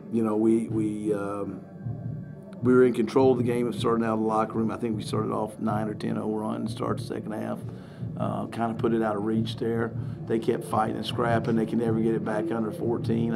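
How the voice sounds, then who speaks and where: Middle-aged coach guy at a postgame presser, gravelly voice, keeps restarting words, talking into a table mic. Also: on the low side. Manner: candid, animated, repeats words as he restarts. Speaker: head basketball coach. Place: press room in front of a sponsor backdrop. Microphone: table mic on a stand.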